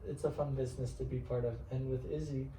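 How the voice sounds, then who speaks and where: A man's voice: medium pitch, little pitch movement, fast, dark tone, slight background noise. A man working as an auctioneer, talking casually and at length in an interview, often correcting himself mid-sentence. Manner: chatty, rambling, self-correcting. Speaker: auctioneer and art specialist. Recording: roomy sound from a distant mic.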